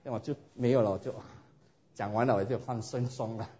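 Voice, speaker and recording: A man's voice: mid-range voice, fairly quick. Guy preaching and telling his testimony, keeps asking the crowd questions, muffled old-sounding recording. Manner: animated storytelling, rhetorical questions to listeners. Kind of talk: sermon with personal testimony. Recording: dull lo-fi recording.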